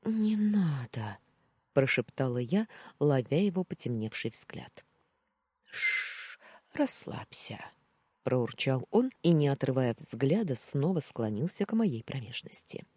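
A woman narrating a first-person audiobook in an expressive, melodic reading. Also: rumbling low, moderate pace, no room sound.

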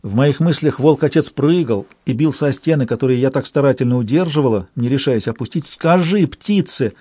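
A man reading a story aloud in measured, scripted narration. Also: medium pitch, mellow, no room sound. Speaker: audiobook reader.

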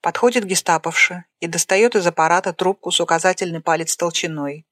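A narrator reading the stage directions of a screenplay aloud in a plain, flat way. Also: medium pitch, fairly quick, dry recording, clean studio sound.

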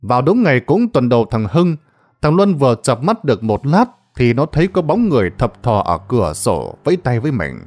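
A man narrating a ghost story in a dramatic, expressive storytelling manner. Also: mid-range voice, a little fast.

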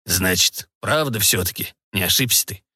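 A man voicing a gruff older male counter-admiral who talks bluntly in an audiobook. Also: low-pitched, lively intonation, moderate pace, bright, forceful tone, no room sound, clean studio sound, voice pushed down, heavily acted. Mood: confiding. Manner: blunt, clipped. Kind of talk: audiobook character voice.

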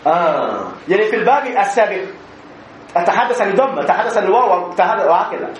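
Step by step, a man with a high-pitched, very animated voice walks a class through grammar, stopping to check that the students follow. The room is echoey, and a faint hum runs in the background.

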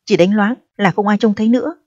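A woman's voice: mid-range voice, fast talker, a little mellow, no room sound, natural voice. A woman reading the lines of a much older married man who placates and lectures in a storybook reading. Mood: placating. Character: older married man, forty years her senior, persuasive. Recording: dull, dry audio.

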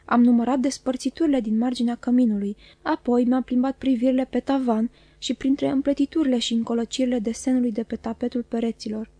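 A woman reading a classic novel aloud as audiobook narrator, calm and measured. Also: a little high, no room sound. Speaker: audiobook reader. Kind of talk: scripted narration.

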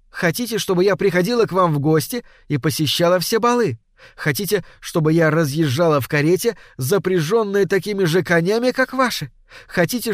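A man puts on Death as a hushed, courtly young lady in a spoken storybook, raised a few steps in pitch and kept low and slow. She coaxes calmly and measures out every phrase. The recording is close and dry. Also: dry recording, natural voice. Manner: quiet, measured, coaxing.

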